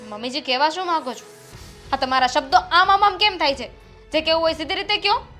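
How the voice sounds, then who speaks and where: An actress playing a young wife who defends herself to her mother-in-law and grows anxious, with soft music behind. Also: high-pitched, fast talker. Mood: defensive. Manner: defensive, protests then worries aloud. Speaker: actor in a family drama. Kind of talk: short-film drama acting. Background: soft background music.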